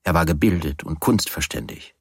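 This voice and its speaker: Deep, husky male audiobook narrator. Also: moderate pace, no room sound, studio quality. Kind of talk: scripted first-person narration.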